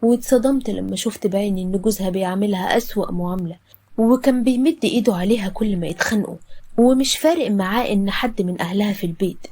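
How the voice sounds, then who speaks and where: An Egyptian woman tells a scripted first-person story. Her delivery is dramatic and full of feeling, at a middle pitch. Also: fast talker, darkish tone. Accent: Egyptian Arabic. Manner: dramatic, emotional retelling.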